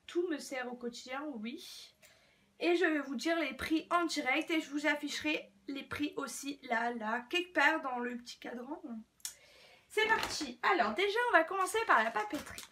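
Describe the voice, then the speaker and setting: A chatty young woman from France talks through her latest shopping haul at home. Her voice sits high and bright, and she rambles along with fillers and stumbles. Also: a little hiss or hum. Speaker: beauty vlogger. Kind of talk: casual haul video chat.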